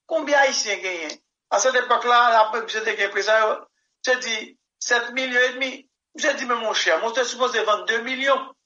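A man's voice: high voice, bright, forceful tone. A man, a musician answering interview questions in a rambling, emphatic way and often saying "mon cher". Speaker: musician guest. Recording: dull lo-fi recording.

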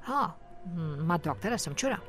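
Woman reading as a measured, sly male doctor. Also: on the low side, very animated, faint music behind. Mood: calm.

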